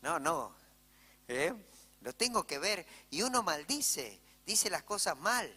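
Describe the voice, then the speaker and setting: Bright-voiced Argentine pastor preaching. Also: male voice, fairly high pitch, big pitch swings, slow pace, slightly rough. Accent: Argentine Spanish. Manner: conversational storytelling, frequent "¿sí?" asides to the congregation. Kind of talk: sermon. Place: church. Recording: church hall reverb.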